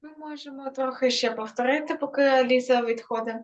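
A woman teaching dance moves in an online class, counting the beats out slowly with short encouraging cues. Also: high voice, steady tone. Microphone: video call. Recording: dull lo-fi video call audio.

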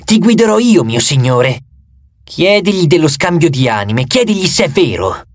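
A man's voice: fairly high pitch, big pitch swings, moderate pace, no echo. A man voicing a scheming male ghost who hisses and gives orders scornfully. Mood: urgent. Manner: hissing, insistent, scornful.

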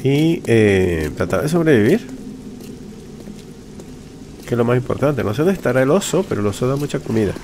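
A man's voice: mid-range voice, big pitch swings, normal speed, pauses often, noisy background. A man giving casual gameplay commentary, talking to himself as he plays. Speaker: gamer, let's play host.

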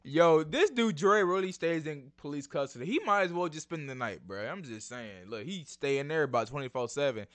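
A man's voice: fairly high pitch, brisk, hardly any pauses. A young man hosting his own video channel, breaking down a TV trailer in casual slangy chat and often calling out to his viewers. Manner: excitable, slangy, addresses viewers as y'all. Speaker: YouTube channel host.

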